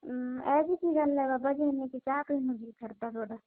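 A woman's voice: sits high, brisk, no echo. A woman on a phone call, talking bluntly and scolding the caller. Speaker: call recipient. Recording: tinny phone line.

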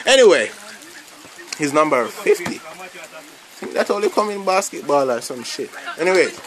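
A man giving casual, slangy play-by-play commentary on a pickup football game, rambling between plays and shouting at the big moments. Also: on the high side, big pitch swings, normal speed, a crowd in the background. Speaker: amateur commentator.

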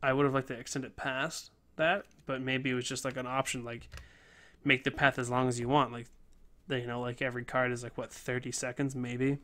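A man's voice: mid-range voice, level tone, fairly quick, sharp tone. A young man casually talking over his class game project, rambling with lots of fillers and restarts. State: a bit out of breath. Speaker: game design student. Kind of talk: casual development-log talk.

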